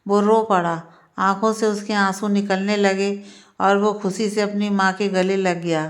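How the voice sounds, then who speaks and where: A woman storyteller reading out a scripted tale. Her pitch is middle and barely moves, giving a flat, steady narration. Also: measured pace.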